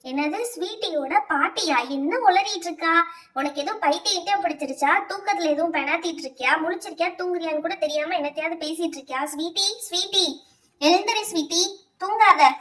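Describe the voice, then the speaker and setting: A woman's voice: extremely high pitch, a little fast, fairly bright tone, distant mic. A woman voicing a strict, nagging female schoolteacher who lectures her pupils in a doll play. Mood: angry. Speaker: teacher.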